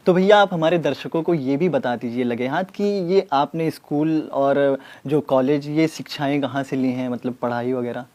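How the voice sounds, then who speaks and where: A man's voice: mid-range voice, normal speed, few pauses, a little mellow. A man interviewing a guest politely and respectfully, with frequent fillers. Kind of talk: interview questions.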